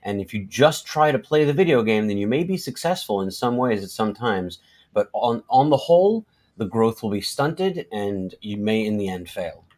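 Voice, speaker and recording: A man's voice: fairly low pitch, animated, moderate pace, darkish tone. A man making an articulate, emphatic point in a casual panel discussion.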